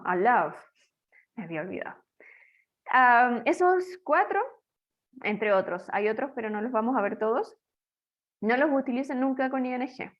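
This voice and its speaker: Playful high-voiced woman teaching English. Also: highs cut off. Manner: playful, chatty explaining. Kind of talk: recorded online lesson.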